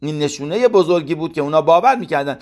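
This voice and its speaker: A man's voice: fairly high pitch, expressive, a little mellow. A middle-aged man teaching a religious lesson, reading Hebrew commentary lines and explaining each in plain conversational terms.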